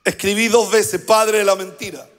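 A pastor delivering a sermon, prompting the congregation to repeat phrases back to him. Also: male voice, high-pitched, steady tone, moderate pace, big-room sound. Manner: preaching with call-and-response prompts to the congregation.

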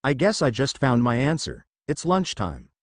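Guy reading as a cocky young demon dude, smug and teasing, pitched low, dry mic. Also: big pitch swings, normal speed, no echo. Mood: casual.

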